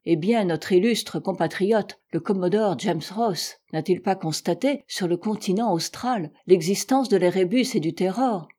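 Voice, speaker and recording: A woman voicing an eager, learned doctor on a polar voyage in an audiobook, excited and reasoning aloud. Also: medium pitch, close to an everyday voice.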